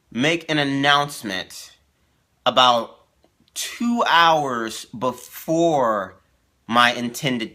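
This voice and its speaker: Bright-voiced young man rambling on a live stream. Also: mid-range voice. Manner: rambling, many fillers, keeps repeating "like I said"; eating while talking. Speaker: gaming channel host. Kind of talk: casual live-stream chat.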